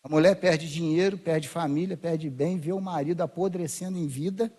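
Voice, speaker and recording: High-voiced Brazilian pastor, chatty sermon. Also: male voice, fairly even intonation, moderate pace, dark tone. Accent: Brazilian Portuguese. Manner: conversational, acts out voices of biblical figures. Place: church.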